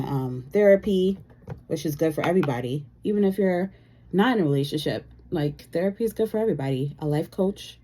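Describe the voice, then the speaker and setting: A woman talks in a relaxed, chatty way while doing a makeup tutorial. Her voice is fairly low and soft and mellow. She fills her talk with easygoing "you know"s. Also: slight background noise. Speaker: beauty vlogger. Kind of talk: casual chat during a makeup tutorial.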